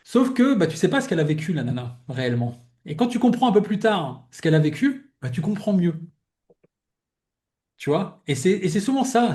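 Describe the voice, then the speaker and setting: A man's voice: fairly high pitch, dark tone. A young adult man hosting a podcast, talking in a casual, reflective way as he shares personal thoughts with a guest, rambling and often restarting his sentences. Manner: reflective, rambling, fills with "tu vois". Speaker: podcast host interviewing a guest. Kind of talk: casual heartfelt conversation.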